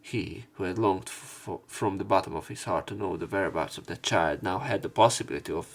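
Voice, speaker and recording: This male let's play narrator has a fairly low voice with vocal fry and speaks a little fast. He reads a visual novel's text aloud line by line, telling it as a story.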